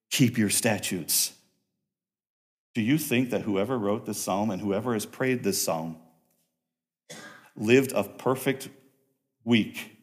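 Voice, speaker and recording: A man preaching a sermon to his congregation, pressing his points with rising emphasis and then dropping to quiet, low passages, often repeating words as he builds a thought. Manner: earnest preaching, swings between loud emphatic peaks and quiet low passages; repeats and restarts phrases while building a point. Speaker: pastor.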